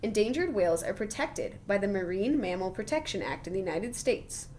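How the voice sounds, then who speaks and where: A little fast and full of wonder, a woman reads a children's science book in a teacher's manner, her voice medium in pitch and expressive. She turns aside now and then to chat encouragingly with young listeners. There's a slight hiss or hum.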